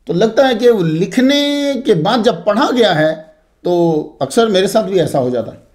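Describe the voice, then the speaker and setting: A man's voice: high voice, unhurried. A man giving a religious history lecture, telling it expressively with frequent asides. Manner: expressive, digressive storytelling with asides.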